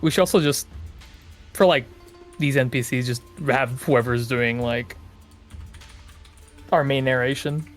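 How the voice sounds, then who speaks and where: A teasing, excitable man chatting as a streamer while they read a game together. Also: mid-range voice, a little slow, long pauses, soft background music. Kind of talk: casual chat while reading a game together.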